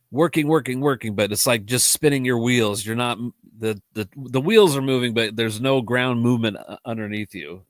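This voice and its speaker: A male podcast host, stuffed up with allergies, talks casually and alone on a livestream in a medium-pitched, nasal voice. He rambles, often restarts sentences and laughs a lot, recorded in clean studio sound without room sound.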